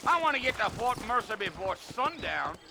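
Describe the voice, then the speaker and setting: A nosy, rambling frontier guide drawls on in a high voice. Loud hoofbeats and game ambience run under him throughout. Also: male voice, big pitch swings, moderate pace, creaky, noisy background, full character voice. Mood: folksy. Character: chatty frontier wagon guide, folksy and nosy. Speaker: hired guide.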